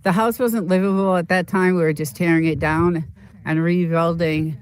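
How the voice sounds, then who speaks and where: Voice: medium pitch, fairly even intonation, moderate pace, smooth. A livestream host from Boston telling stories in casual, rambling chat with viewers, full of fillers and restarts. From Boston, United States. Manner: rambling, chatty, storytelling with many fillers.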